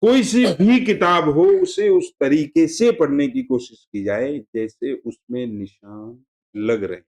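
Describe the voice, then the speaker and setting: A man giving a religious lesson to a class, explaining terms in a conversational, digressive way and repeating himself to make points clear. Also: fairly high pitch. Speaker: religious teacher.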